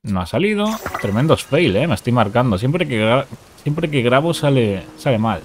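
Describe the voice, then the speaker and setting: A man's voice: medium pitch, sing-song, normal speed, a little hiss or hum. Man narrating a game glitch. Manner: talks through steps, repeats short commands. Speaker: gaming youtuber. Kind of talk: casual game tutorial commentary.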